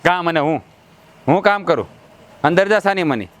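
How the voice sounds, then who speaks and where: Guy playing a village husband, boastful, smooth voice, fairly high for a man. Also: lively intonation, normal speed, fairly bright tone. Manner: boastful, swaggering, blustering. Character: proud blustering village husband, middle-aged.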